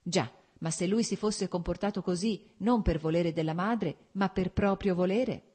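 A woman's voice: lowish voice, normal speed, a little mellow, husky, pitched above the performer's own voice. Kitty, a woman voicing an eager young lady. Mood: earnest. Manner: intense, emotional questioning. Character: earnest young noblewoman, eager and impulsive.

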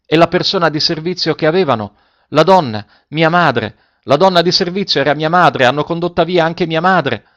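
A man's voice: medium pitch, animated, moderate pace, fairly bright tone, no room sound, close to an everyday voice. A man reading aloud and voicing an anxious young Genoese boy who pleads earnestly. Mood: pleading.

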